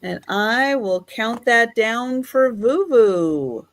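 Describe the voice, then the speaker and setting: A woman hosting a live sale as the auctioneer, describing items in an unhurried, chatty, measured way. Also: a little high, animated.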